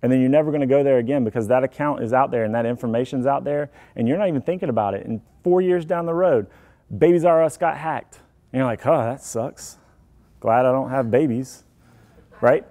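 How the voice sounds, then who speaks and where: Male presenter, casual tech talk, warm mellow tone, easygoing and joking with the room. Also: mid-range voice, brisk. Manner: chatty, self-deprecating, joking asides. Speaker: IT security presenter.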